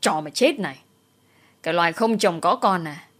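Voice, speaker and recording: A woman's voice: on the low side, animated, normal speed, fairly bright tone. A woman voicing a furious middle-aged woman who screams accusations. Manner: screeching accusations.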